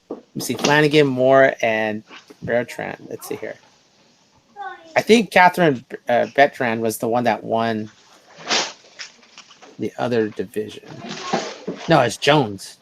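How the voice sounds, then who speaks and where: A man's voice: medium pitch, vocal fry, slight background noise, poor audio. A man hosting a casual podcast, thinking aloud as he reads through a list. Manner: slow, thinking aloud while reading a list. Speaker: podcast host. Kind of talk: casual chat.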